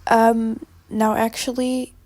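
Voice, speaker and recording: A Dutch teenage girl from the Netherlands, Dutch her first language and accent, chats casually over a speed build as a gaming channel creator, rambling with frequent ums. Her voice is fairly high, level, slow and darkish, recorded dry on a phone held in her hand.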